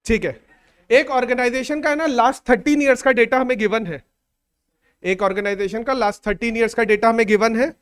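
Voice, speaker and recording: A male teacher giving a classroom lecture in a conversational way, repeating phrases, checking in with students, and dictating numbers slowly. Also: very high voice, fairly even intonation, clean tone.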